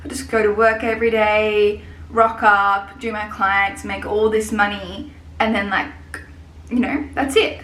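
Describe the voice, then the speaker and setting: A woman's voice: mid-range voice, fairly even intonation, unhurried, fairly bright tone. A woman in her twenties, a hairdresser and salon owner, chatting casually and rambling in a vlog. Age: 20s. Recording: echoey room with faint hiss.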